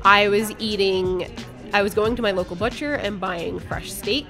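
A woman's voice: medium pitch, moderate pace, music in the background. A woman guest on a podcast, telling a personal story in a candid, blunt way and swearing casually. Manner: candid, blunt, speaks her mind.

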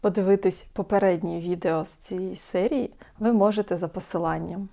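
Calm coaching woman, lowish voice. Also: moderate pace, creaky. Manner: calm, coaching, asks many questions. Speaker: support group host. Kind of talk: self-help video talk to camera.

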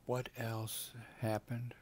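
Sitting at his home computer, a man in his seventies reads web pages aloud for his video blog and keeps drifting into trailing asides packed with fillers. He speaks slowly in a monotone with a medium-pitched, slightly mellow voice, and the recording carries a little hiss or hum.

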